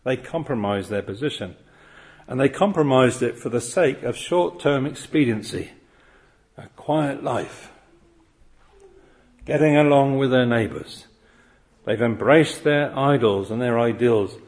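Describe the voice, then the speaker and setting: A man's voice: mid-range voice, measured pace, pauses often, darkish tone. Male preacher, earnest expository sermon, rhetorical questions, mid-range voice.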